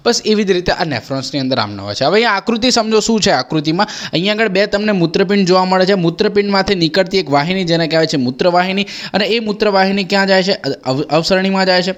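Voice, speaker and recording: Gujarati-accented tutor quizzing himself aloud. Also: male voice, mid-range voice. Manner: asks questions and answers them himself, repeats key terms. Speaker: biology tutor. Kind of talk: exam-prep lesson.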